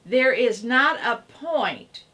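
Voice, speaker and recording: A woman's voice: fairly high pitch, animated, slow pace, bright, forceful tone. A woman co-hosting a casual radio talk show, eagerly sharing trivia facts and asking her partners to share her delight. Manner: shares trivia eagerly, asks "isn't that interesting?".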